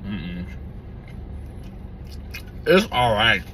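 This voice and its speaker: A man's voice: lowish voice, very animated, drawn-out words, bright, forceful tone, slight background noise. A man talking casually with his mouth full, chewing fries during a food review vlog in his car. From Houston area. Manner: casual, slangy, laid-back. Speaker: vlogger.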